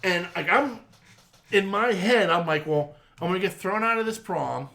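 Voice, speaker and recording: Speaking at a moderate pace with a high-pitched, pushed and bright voice marked by vocal fry, a middle-aged man co-hosting a podcast spins a profane, casual story. He laughs frequently and performs the quoted lines.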